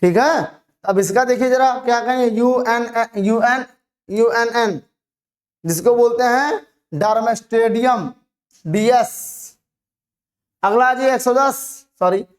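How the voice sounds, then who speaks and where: A teacher giving an online chemistry lesson to students, asking questions and answering them, repeating each term slowly. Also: medium pitch.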